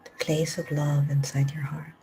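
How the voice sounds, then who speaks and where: In a live group session, a meditation teacher gives slow, soft-spoken instructions in a low, even voice, her phrases frequently fading into a whisper. Her tone stays mellow and unhurried, with a faint hiss beneath the recording.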